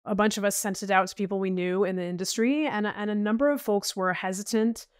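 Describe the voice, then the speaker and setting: A woman's voice: mid-range voice, steady tone, a little fast, smooth, no echo, clean studio sound. A middle-aged woman talking casually as a podcast guest, chatty, with frequent restarts and "you know"s. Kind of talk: casual interview chat.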